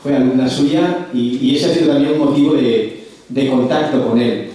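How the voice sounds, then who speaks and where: In a large, echoey lecture hall, a man formally introduces a speaker, stumbling through many fillers and restarts. His warm, mid-range voice comes at normal speed and is picked up off-mic from a distance.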